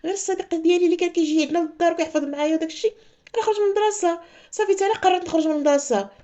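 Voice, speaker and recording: Woman putting on a shrill tearful Moroccan schoolgirl. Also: racing, mellow. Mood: pleading. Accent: Moroccan Arabic. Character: tearful schoolgirl pleading with her father.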